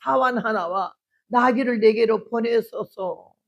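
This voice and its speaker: An elderly woman voicing a calm, composed woman of faith from a Bible story, speaking slowly and formally. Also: fairly high pitch, gravelly. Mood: serene. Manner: slow, formal and serene.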